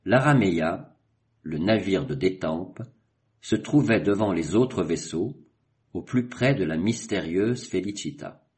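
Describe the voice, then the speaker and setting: A male narrator reads an adventure story in a measured, literary manner. His voice sits low and he takes his time over each phrase. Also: lively intonation, a little mellow. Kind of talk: scripted narration.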